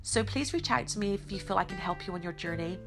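A middle-aged woman with a slightly hoarse, croaky voice hosts a motivational podcast, speaking earnestly and encouragingly with emphatic pauses. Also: mid-range voice, animated, music in the background. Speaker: podcast host. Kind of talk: motivational self-help monologue.

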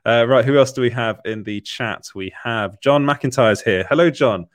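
A man's voice: medium pitch, normal speed, no room sound. A man hosting a casual live stream, reading chat comments aloud with lots of fillers and laughter. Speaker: livestream host reading chat.

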